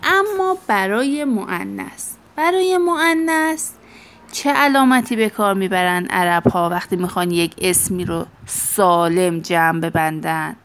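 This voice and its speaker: A woman teacher giving a classroom grammar lesson. She asks questions and answers them herself, drawing out the example words slowly. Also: on the low side, a bit bright, slight background noise. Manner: slow, drawn-out stress on example words.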